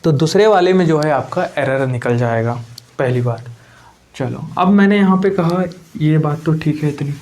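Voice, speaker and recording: A man's voice: fairly high pitch, lively intonation, moderate pace, a little mellow. A man teaching English grammar for competitive exams in a Hindi-English lecture, explaining step by step, repeating key words and asking questions of his students.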